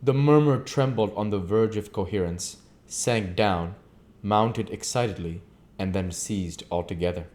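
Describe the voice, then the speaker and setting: An amateur audiobook reader, a man with a lowish voice and darkish tone, reads a classic novel aloud. His delivery is deliberate, emphatic and theatrical.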